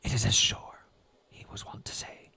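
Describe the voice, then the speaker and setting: Here a twenty-something storyteller from New England whispers a classic sea tale in an ASMR role-play style. He speaks at a normal speed, and his tone is bright and forceful.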